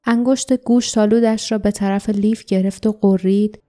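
A woman reads an audiobook in a calm, even manner. Her voice is warm and mellow, at a middle pitch for a woman. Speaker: audiobook narrator. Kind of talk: audiobook narration.

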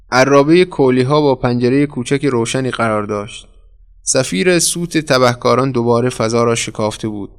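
Male storyteller, steady mid voice, measured dramatic narration. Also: mid-range voice. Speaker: audiobook narrator. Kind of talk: scripted narration.

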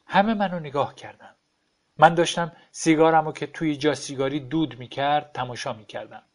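Calm, detached male narrator. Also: on the high side. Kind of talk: audiobook story reading.

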